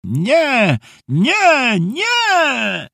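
A man voicing a sulky, panicky schoolboy in an audiobook, with high whining protests. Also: wildly swooping pitch, very slow, gravelly, pushed and bright, dry recording, studio quality, exaggerated voice. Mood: forced cheer. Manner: whiny, wailing protests.

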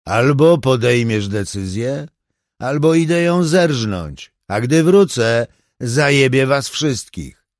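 A man's voice: mid-range voice, expressive, no room sound, clean studio sound, pitched above the performer's own voice. A man voicing a cruel, taunting armed burglar. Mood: menacing. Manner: taunting, slow threatening delivery. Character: brutal armed male burglar, mocking and cruel.

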